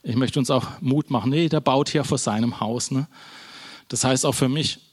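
A man's voice: mid-range voice, normal speed. Man, informal sermon, church hall, conversational, keeps asking "ne?", stumbles and restarts. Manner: conversational, keeps adding a questioning "ne?"; false starts and self-corrections. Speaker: preacher.

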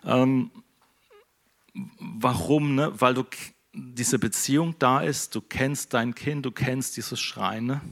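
A middle-aged man preaching a relaxed, conversational sermon and tagging his sentences with a questioning "ne?". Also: mid-range voice, slow. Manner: conversational, keeps adding "ne?". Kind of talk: casual sermon.

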